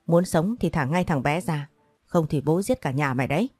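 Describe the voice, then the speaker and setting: A woman's voice: low voice, normal speed, a little mellow, husky, dry recording, faint music behind. Woman voicing a snarling furious father. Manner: snarling, threatening, coarse. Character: furious violent young father, man.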